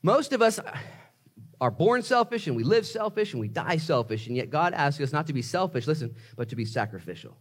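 A man's voice: a little high, sing-song, brisk, slightly rough. A man preaching a sermon in an emphatic, motivational way, talking straight to his listeners in conversational language with rhetorical questions. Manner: emphatic motivational preaching, swinging from hushed asides to raised exclamations. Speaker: pastor preaching.

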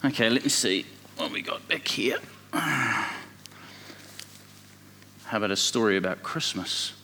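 A man voicing a gentle father telling a bedtime story, speaking slowly at a mid pitch. His voice hangs in the long reverb of a hall. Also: lively intonation, slight background noise. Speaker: narrator father in a church play.

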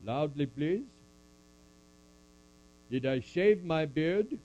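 A man puppeteering an older apostle in a church skit, taking his time over every phrase. The voice sits low and mellow, preachy one moment and deadpan joking the next. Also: very slow, highs cut off, heavily acted. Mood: playful. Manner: preachy, dryly joking, speaks to a crowd. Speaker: puppet performer.

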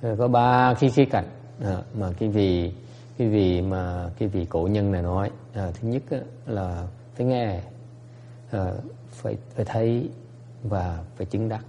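A man's voice: fairly low pitch, normal speed, dark tone, a little hiss or hum. Man giving a hesitant bilingual dharma talk. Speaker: Buddhist teacher. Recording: long hall reverb.

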